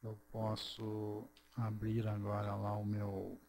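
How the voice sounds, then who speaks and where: A man narrating a screen-recorded programming tutorial, walking through each step slowly and checking in with "ok?". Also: lowish voice, monotone, vocal fry, darkish tone, a little hiss or hum. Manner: slow, step-by-step, checks in with "ok?" and "certo?".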